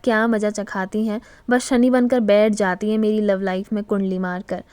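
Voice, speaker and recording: A woman's voice: medium pitch, level tone, moderate pace, darkish tone, smooth, no echo, lightly acted. A woman doing a cheeky joking son-in-law. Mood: cheeky banter. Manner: cheeky, bantering. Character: teasing middle-aged son-in-law, playful joker.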